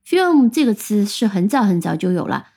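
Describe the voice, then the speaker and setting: A woman's voice: medium pitch, very animated, normal speed, a little mellow, slightly rough. A woman teaching English vocabulary, patiently spelling out words letter by letter and explaining how they are pronounced. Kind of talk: vocabulary lesson.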